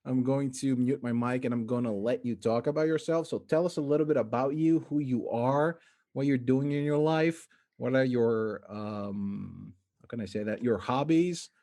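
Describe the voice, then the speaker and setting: A man's voice: mid-range voice, moderate pace, dark tone. A man hosting a casual video-call interview, rambling and self-deprecating. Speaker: interview host.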